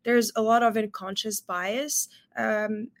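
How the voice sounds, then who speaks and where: A young woman from Morocco, guest on a podcast interview, talking earnestly as an empowerment coach with frequent pauses. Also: on the high side, steady tone. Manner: earnest, fluent, frequent "uh" fillers.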